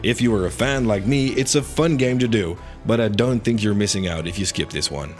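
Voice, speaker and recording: A man's voice: lowish voice, brisk. A man narrating a scripted video game review in an opinionated, critical manner. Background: faint background music.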